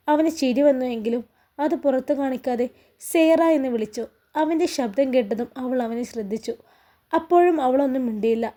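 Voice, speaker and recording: A woman from Kerala reading a romance story aloud as narrator, in a calm, even storytelling manner. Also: high-pitched. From Kerala, India.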